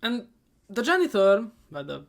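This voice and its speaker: A man giving a comedic movie recap, sarcastic and profane, rambling and often trailing off into quieter asides. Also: high-pitched, wildly swooping pitch, normal speed, vocal fry. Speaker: movie reviewer.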